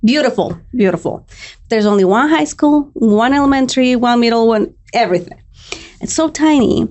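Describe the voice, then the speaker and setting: Woman chatting on a podcast, fairly high voice. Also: animated, normal speed, a little mellow. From Ecuador. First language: Spanish. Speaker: podcast guest. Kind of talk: casual chat.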